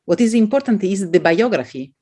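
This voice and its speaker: An academic woman with an Italian accent and a mid-range voice answers questions expressively but haltingly.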